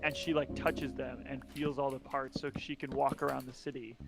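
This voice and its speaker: A man's voice: mid-range voice, level tone, normal speed, gravelly, music in the background. A young man co-hosting a stream, rambling in casual chat with lots of fillers and restarts, his voice cracking now and then. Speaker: stream co-host.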